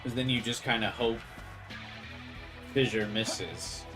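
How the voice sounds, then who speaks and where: A man streams a game and chats casually with his viewers. His voice sits in a slightly low-to-middle everyday register, with game music clearly playing behind it. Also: steady tone, slow. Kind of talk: casual chat while gaming. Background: game music and audio.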